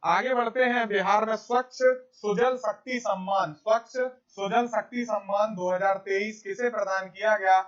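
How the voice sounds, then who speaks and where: A man's voice: high-pitched, steady tone, normal speed, few pauses, a bit bright, dull audio. A man giving a current affairs exam lecture over slides, repeating key facts and calling his viewers friends. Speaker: exam coaching teacher.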